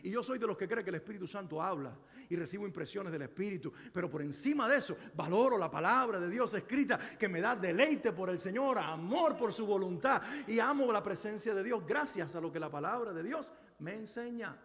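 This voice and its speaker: A man's voice: high voice, animated, fairly quick, hardly any pauses, a bit bright. A middle-aged male pastor preaching a sermon, earnest and exhorting, with many rhetorical questions. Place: church sanctuary. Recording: echoey church hall.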